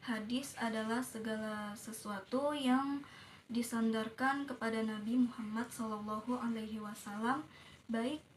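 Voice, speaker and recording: A young woman university student giving a recorded class presentation in a slow, careful, recited manner. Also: fairly high pitch, steady tone, echoey room, slight background noise, low-quality recording. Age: young adult.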